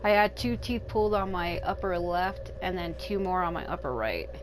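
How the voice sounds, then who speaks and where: Rambling woman in her thirties, lowish voice. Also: moderate pace, background noise. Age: 30s. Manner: rambling and candid, thinking aloud. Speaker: let's play gamer. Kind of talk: casual gameplay commentary. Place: at home. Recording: game music playing under the voice.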